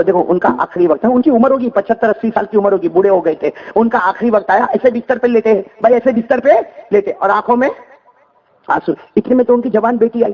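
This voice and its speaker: A male preacher telling stories in a lively sermon, prompting the congregation to repeat after him. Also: high-pitched, highs cut off. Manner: animated call-and-response with the congregation. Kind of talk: sermon storytelling.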